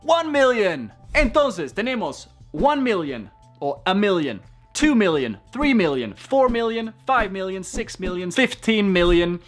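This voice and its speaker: A man teaching English numbers in a playful video lesson, saying the examples slowly and clearly and joking between them. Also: high-pitched, big pitch swings, soft background music.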